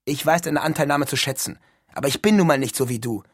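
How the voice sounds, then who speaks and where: A man's voice: a little high, quick pace, slightly rough, no echo, clean studio sound. A man voicing a shy, hesitant teenage boy. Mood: defensive. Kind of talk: audiobook reading.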